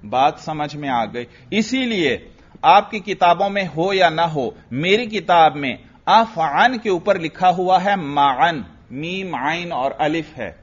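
Pakistani male grammar teacher, a bit high-voiced, drills his class with his own questions and answers, muffled lo-fi sound. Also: lively intonation, breathy edge. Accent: Pakistani Urdu. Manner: asks students questions and answers them himself, often adds "bhai"; recites Arabic text slowly in a chanting tone. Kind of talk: classroom lecture.

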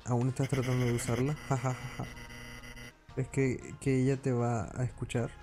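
A scheming puppet-salesman robot from a video game, read out by a man. He taunts in a slow, mocking drawl with a mellow, mid-range voice. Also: mid-range voice, little pitch movement, faint music behind, lightly acted.

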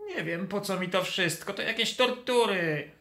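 A woman's voice: medium pitch, normal speed, fairly bright tone, echoey room, lightly acted. A woman voicing a grumpy schoolboy who complains about his homework. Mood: grumbling. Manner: grumbling, complaining.

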